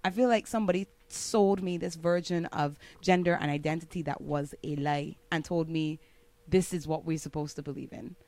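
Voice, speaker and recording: A woman from Barbados with a Barbadian accent, a podcast guest explaining at length in casual conversation, often laughing and getting animated. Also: low-pitched, normal speed.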